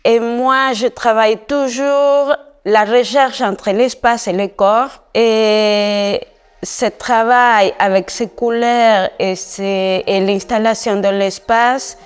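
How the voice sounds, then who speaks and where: An artist presents her exhibition on a guided tour, speaking slowly in halting, deliberate French, as a non-native speaker whose first language is Spanish. Her voice is a little high, clear and resonant, with fairly even intonation. Long echoing reverb fills the gallery stairwell and rooms, and music plays beneath her.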